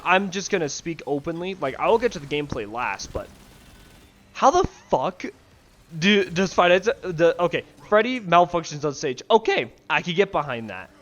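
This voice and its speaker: This gaming video ranter, a young adult man, has a medium-pitched and fairly bright voice. Talking to camera from his bedroom through a headset mic, he goes off about games he doesn't like in a profane, rambling, sarcastic way.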